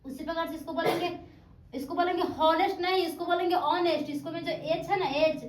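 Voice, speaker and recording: A woman's voice: very high-pitched, steady tone, fast talker, slight background noise. A woman tutor giving a classroom grammar lesson, quizzing her students with repeated questions. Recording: echoey room.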